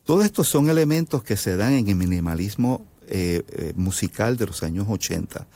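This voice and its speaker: Deep-voiced Puerto Rican composer explaining. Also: male voice, expressive, normal speed, mellow. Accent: Puerto Rican Spanish. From Puerto Rico. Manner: thoughtful, many fillers and restarts. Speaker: composer guest. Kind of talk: radio interview, explaining.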